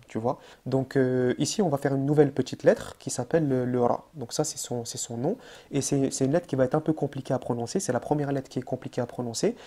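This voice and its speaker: A man's voice: mid-range voice, warm tone. A man teaching an online Arabic lesson in French, chatty and informal, with many fillers and restarts. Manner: addresses the viewer informally as "tu". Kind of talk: casual online language lesson.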